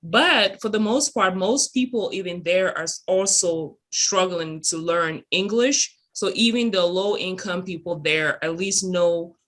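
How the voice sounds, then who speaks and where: A woman's voice: on the low side, a little slow, hardly any pauses, fairly bright tone. A woman from Cameroon, a guest entrepreneur, answering interview questions in a chatty, upbeat way with many fillers.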